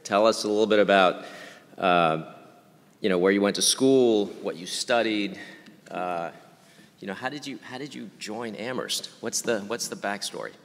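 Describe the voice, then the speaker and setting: A man's voice: on the low side, moderate pace. A man in his fifties moderating a panel, talking with hesitant restarts. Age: 50s. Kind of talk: panel introduction. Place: reunion event hall. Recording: echoey hall.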